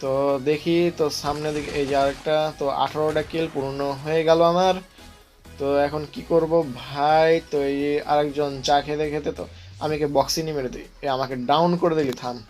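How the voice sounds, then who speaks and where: A young man talks over his gameplay in a somewhat high, flat voice that has gone a little hoarse. He jokes, rambles and teases his opponents, with faint game music running behind him. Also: a little fast. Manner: joking, teasing opponents, rambling. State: voice slightly hoarse. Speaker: gaming channel host. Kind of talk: casual gameplay commentary.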